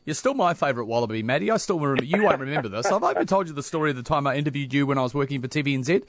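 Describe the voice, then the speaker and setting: A New man hosts a radio show and tells stories in a brisk, chatty manner. He talks fast, and his voice sounds close and dry in the studio. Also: a little high, lively intonation, no room sound. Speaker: radio host. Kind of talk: casual radio chat.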